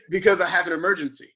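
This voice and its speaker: This man's voice sits high and sounds husky. Working as a financial advisor, he explains money in a casual chat, animated and long-winded, frequently asking "right?".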